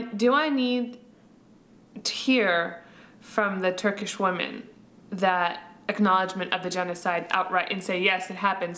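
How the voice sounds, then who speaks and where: A young adult woman telling a personal story in an interview, animated, acting out what people said. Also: medium pitch. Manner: animated, acts out quotes, laughs often. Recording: roomy echoey room.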